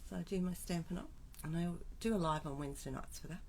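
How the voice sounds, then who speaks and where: This craft demonstrator from Australia talks fast in a fairly low, darkish, expressive voice made scratchy by a cold. She's showing card making on a live stream, chatting casually and murmuring to herself while getting set up.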